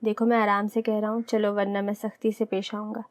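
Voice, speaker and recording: A proud, stubborn young husband speaks in a level, even way, as a woman narrator reads his lines. He is firm and clipped when he insists and gently teasing when he softens. The reading stays close to her own voice in a storybook romance. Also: medium pitch, no room sound, close to an everyday voice. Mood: stern. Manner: firm, then teasing and tender.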